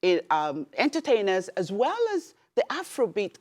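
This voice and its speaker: A woman's voice: medium pitch, moderate pace. A woman from Nigeria, a beer importer, speaking as a guest in an interview and acting out conversations as she tells her story. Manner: expressive storyteller, acts out dialogue.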